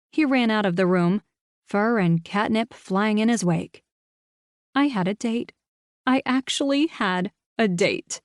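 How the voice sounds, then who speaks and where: A woman reading a cozy mystery audiobook in the first person, with animated, self-mocking storytelling. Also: on the low side, clean tone, no room sound, clean studio sound. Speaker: audiobook narrator.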